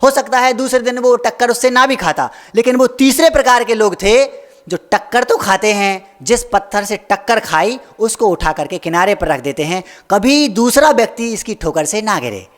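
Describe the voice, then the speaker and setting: A man's voice: high voice, animated, normal speed, in a large hall. A man, a Jain monk, preaching a sermon with stories, asking rhetorical questions and acting out quoted voices.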